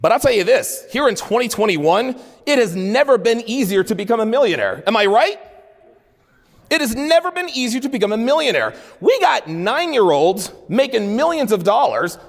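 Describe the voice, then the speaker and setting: His pitch is extremely high and sing-song, his pace moderate: a man in his forties giving a crude, blunt motivational keynote to a conference crowd. He keeps repeating phrases to hit his points, and the speech echoes through a large hall.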